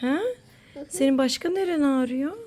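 A woman's voice: sits high, moderate pace, dark tone. A mother talking playfully with her sick young son, coaxing and sing-song. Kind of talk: casual play with a child.

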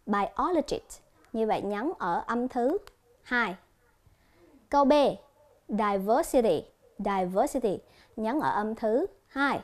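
A female English teacher gives a televised lesson, speaking clearly and deliberately and repeating each example word slowly. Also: a little high. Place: TV studio.

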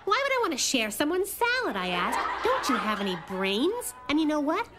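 A woman voicing a quick-witted, spunky little girl in a cartoon, with a chatty, wry comic delivery. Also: high-pitched, huge pitch swings, heavy background noise. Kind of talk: cartoon acting and stand-up comedy bits.

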